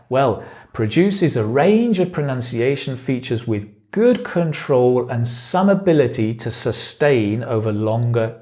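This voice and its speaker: Slow, lively male teacher. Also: medium pitch. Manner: slow, clear delivery that models example phrases. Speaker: English speaking-exam teacher. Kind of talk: spoken lesson.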